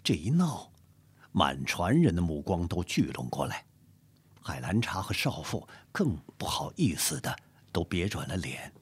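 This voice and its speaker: A man narrating a story in an expressive, dramatic manner. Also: low-pitched, a little slow, breathy edge, no echo.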